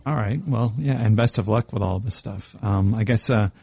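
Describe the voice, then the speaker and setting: A man's voice: fairly low pitch, normal speed, creaky, warm tone, breathy edge. A man hosting a podcast interview, friendly, rambling and self-conscious. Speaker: podcast host. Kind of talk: casual interview chat.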